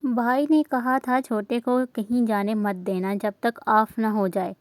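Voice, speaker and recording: A woman taking on a stern older brother in a storybook reading, firm and businesslike. her voice sits on the high side, recorded close and dry. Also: steady tone, unhurried, no echo, natural voice. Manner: firm, questioning.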